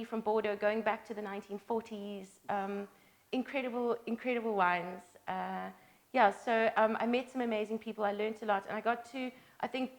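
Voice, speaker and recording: A young woman from South Africa, a sommelier, answering interview questions hesitantly with many fillers. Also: a little high. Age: young adult.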